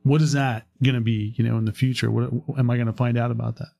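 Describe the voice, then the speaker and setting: Animated man chatting, dry sound. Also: mid-range voice, fast talker, creaky, dry recording. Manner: animated, hesitant restarts. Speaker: podcast co-host. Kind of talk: casual chat.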